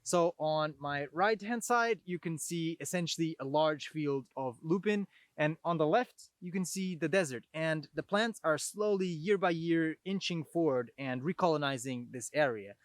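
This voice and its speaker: A man from Portugal, narrating a nature documentary in a measured, explanatory way. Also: a little high. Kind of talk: scripted narration.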